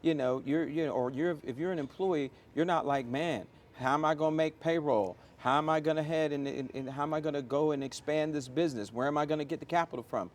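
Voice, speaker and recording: Speaking a little fast with few pauses, this interview guest uses a fairly high-pitched voice. He is a middle-aged American airport chief executive who answers conversationally, emphatic and motivational, and illustrates his points with stories and examples.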